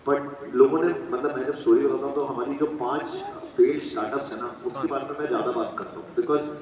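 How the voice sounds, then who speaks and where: A man in his forties with an Indian English accent, a startup founder on a panel, chatting quickly and throwing in "right?" and "you know" as he mixes Hindi and English. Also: mid-range voice, fairly even intonation, crowd noise. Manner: rapid, chatty, tag questions and many fillers. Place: large echoing event hall. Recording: distant, roomy hall sound, slightly dull, faint noise.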